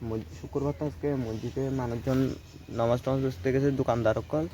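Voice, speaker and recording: A young man narrates his day to the camera while walking outdoors in the rain, his voice sitting in the middle of the male range. He talks in a chatty, conversational way and keeps checking in with the viewer. The phone recording carries clear outdoor noise with birds and rural ambience. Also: mid-range voice, fairly even intonation, fast, rough recording. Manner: drops to a hushed voice when people pass. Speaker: vlogger. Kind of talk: casual handheld vlog narration. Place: outdoors in a rainy rural village.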